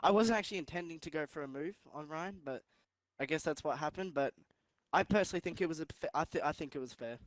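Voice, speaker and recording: A man talking about his sim race win, modest and a little hesitant. His voice is smooth and sits slightly high. The sound is dry and close. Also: fast talker, dry recording. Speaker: race winner guest. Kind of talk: casual interview answers.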